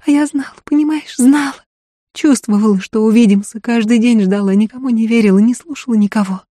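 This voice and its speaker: A man reading aloud, voicing a fiery, quick-tempered young woman who scolds at full voice. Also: very high voice, no room sound, clean studio sound, voice pushed up. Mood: tender. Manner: shouting, scolding. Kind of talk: audiobook reading.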